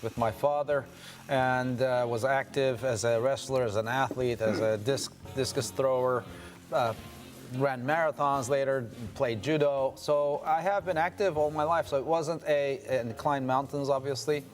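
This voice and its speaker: A man's voice: mid-range voice, steady tone, a little slow. Man, from Turkey, interview guest, reflective storyteller, faint music behind. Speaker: guest adventurer. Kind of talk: interview answers.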